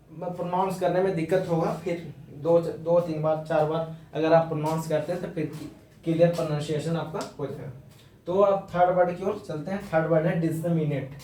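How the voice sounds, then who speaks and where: A man's voice: a little high, dark tone, recorded from a distance, a little hiss or hum. Man teaching words in an echoey room. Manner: explains slowly in Hindi mixed with English, repeating words and spelling them out. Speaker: English vocabulary teacher. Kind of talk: informal vocabulary lesson.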